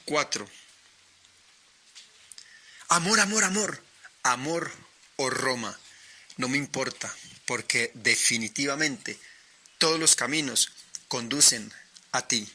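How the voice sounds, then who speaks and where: A man from Colombia telling short tales on the radio with expressive, dramatic pauses. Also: medium pitch, husky. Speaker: storyteller. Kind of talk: oral storytelling on radio.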